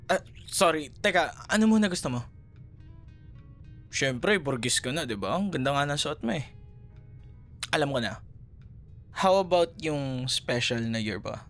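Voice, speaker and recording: A Filipino man with a slightly high, somewhat bright voice plays a chatty, teasing café worker in a casual, naturalistic boyfriend roleplay audio. He's animated and playful yet unhurried, leaving long pauses in his casual conversation over soft background music.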